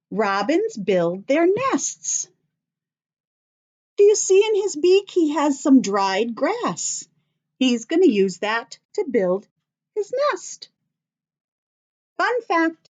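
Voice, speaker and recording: A high-pitched American woman teacher with a darkish tone reads a children's book out loud slowly, swinging her voice widely in a sing-song way and putting questions to young listeners. It's captured on a slightly dull, lo-fi recording.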